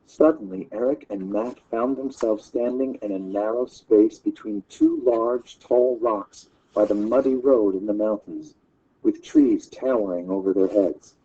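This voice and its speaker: Teacher guy reading a story real slow, deep mellow voice, muffled lo-fi sound. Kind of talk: classroom story read-aloud. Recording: dull lo-fi recording.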